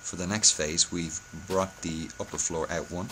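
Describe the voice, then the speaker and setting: A man's voice: low voice, steady tone, moderate pace, noisy background. A hungover man giving a casual game-building tutorial, speaking hesitantly and often correcting himself. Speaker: video tutorial host.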